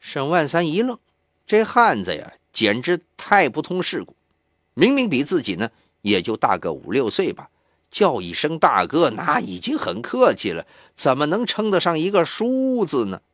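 A man narrating an audiobook with expressive storytelling on a studio mic. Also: fairly high pitch, moderate pace, no echo.

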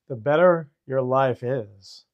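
A man, a therapist co-hosting a podcast, explaining calmly and mixing clinical terms with casual swearing. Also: medium pitch, gravelly. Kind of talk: casual chat.

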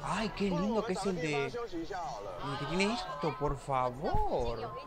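A man's voice: on the high side, sing-song, slow. A man with an Argentine accent reacts to a TV episode and reads its subtitles aloud, with gushing exclamations and giggles. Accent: Rioplatense Argentine Spanish. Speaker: reaction video host. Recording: show audio with crowd noise underneath.

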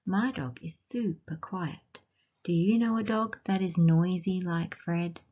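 A woman with an Australian accent reading a picture book aloud to children and asking them gentle, teacherly questions along the way. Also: fairly low pitch, slow, lo-fi sound. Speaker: children's storytime reader.

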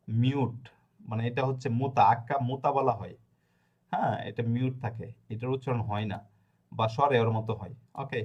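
A man gives a spoken lesson in a plain voice of middling pitch. He goes over each point more than once and pauses to think aloud, so it sounds unscripted and unhurried. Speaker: language teacher.

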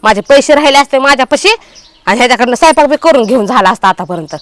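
A woman playing a nagging wife in a comedy skit, scolding loudly. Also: high-pitched, lively intonation, racing, no echo. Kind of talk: village comedy skit acting.

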